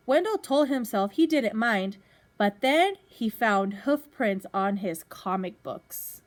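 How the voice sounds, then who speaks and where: Higher-voiced woman reading a picture book aloud. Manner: pauses to put questions to young listeners. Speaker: teacher reading to pupils.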